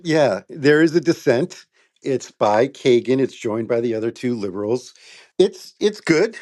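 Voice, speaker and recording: A man's voice: medium pitch, lively intonation, measured pace, darkish tone. A man co-hosting a podcast, talking casually and sarcastically about a court ruling, laughing often. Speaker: podcast co-host. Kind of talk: casual legal discussion.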